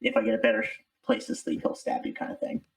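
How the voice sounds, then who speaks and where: A man being interviewed in a casual chat talks fast, hesitant and thoughtful. He is the interview guest and an amateur voice actor. The audio is poor, with background music playing behind him.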